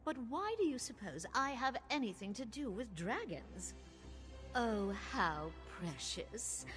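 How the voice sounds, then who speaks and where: A woman's voice: a little high, very animated, normal speed, over music. An actress playing a royal, imperious, mocking and power-hungry queen in a video game. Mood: mocking, menacing. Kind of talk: video game character acting.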